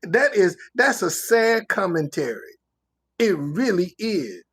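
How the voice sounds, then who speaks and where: A man's voice: high voice, very animated, slow, fairly bright tone, slightly rough. A man from the United States, ranting casually on a livestream in an emphatic, preachy way, repeating phrases for effect. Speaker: livestream commentator.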